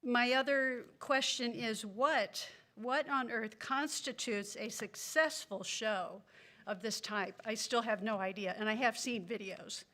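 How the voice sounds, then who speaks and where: A woman's voice: fairly high pitch, measured pace, bright, forceful tone. A woman giving public comment at a city council meeting, indignant and earnest, speaking into a podium microphone. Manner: indignant, earnest, apologetic asides.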